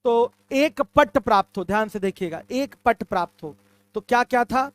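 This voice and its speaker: Patient male math teacher, clear smooth voice, dry close mic, says everything twice. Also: very high-pitched, animated, normal speed, no echo. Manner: patient, repeats key terms, calls students "my children". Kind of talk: online class lecture.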